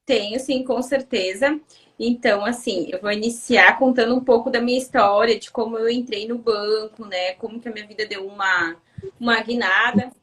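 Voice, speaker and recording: Soft-spoken woman in her thirties. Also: on the high side, steady tone, normal speed, distant mic, poor audio. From Paraná, Brazil. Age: 30s. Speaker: guest. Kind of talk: casual interview chat.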